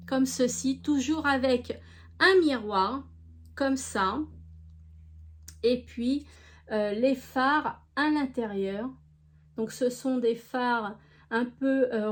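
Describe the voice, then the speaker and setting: A woman with a French regional accent chatting casually through a beauty product review, unhurried, with many fillers. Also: fairly high pitch. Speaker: beauty vlogger.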